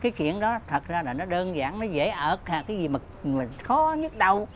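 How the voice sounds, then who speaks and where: Cheeky court clerk, deferential, faint hiss behind. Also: male voice, sits high, very animated, normal speed, a bit bright. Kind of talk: folk tale TV drama.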